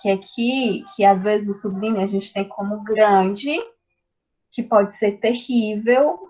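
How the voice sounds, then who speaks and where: A woman giving a class presentation, explaining slowly with hesitant fillers. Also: medium pitch. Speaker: student presenting a poetry assignment. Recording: dull lo-fi recording.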